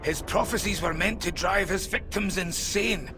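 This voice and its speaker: An actor playing a suave, self-assured fantasy leader in a video game, speaking in a measured, theatrical, wry way. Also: male voice, high-pitched. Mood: wry, confident. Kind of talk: video game character acting. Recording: very loud music behind. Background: music.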